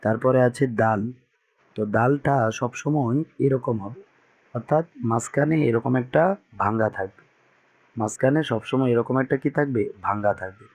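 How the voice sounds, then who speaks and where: A man's voice: mid-range voice, unhurried, a little mellow. A man teaching Quran reading to beginners, patiently repeating each letter sound for learners to echo. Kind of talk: teaching Arabic letters with call-and-response drills.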